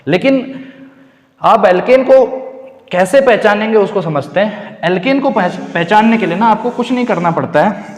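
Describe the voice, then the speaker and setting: A man's voice: high-pitched, animated, moderate pace. A man teaching chemistry in a classroom lecture, asking questions and answering them himself, repeating key words and calling his students "beta". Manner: calls students "beta", casual and direct. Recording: echoey roomy classroom.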